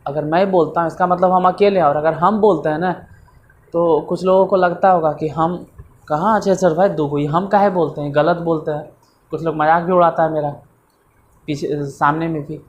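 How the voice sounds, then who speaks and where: A man's voice: on the high side, slight background noise. A man teaching a casual beginners' grammar lesson, chatty and repetitive, with a self-mocking manner.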